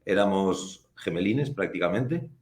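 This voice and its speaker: Low-pitched, expressive, and somewhat mellow, this film producer from Spain answers questions reflectively in a casual interview. He takes his time, pausing often as he thinks. The sound is reverberant.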